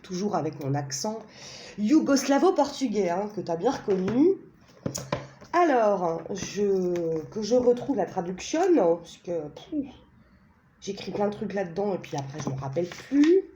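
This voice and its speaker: A woman's voice: mid-range voice, big pitch swings, measured pace, dark tone, slight background noise. A woman casually presenting a pendulum and a card deck, talking hesitantly with many fillers and tag questions, chatty and self-mocking.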